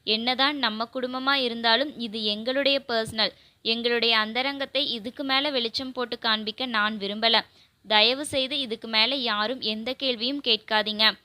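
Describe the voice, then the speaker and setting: A woman's voice: fairly high pitch, fairly even intonation, normal speed, pushed and bright, no room sound. A woman doing a firm, protective young man. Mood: resolute. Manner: firm, insistent.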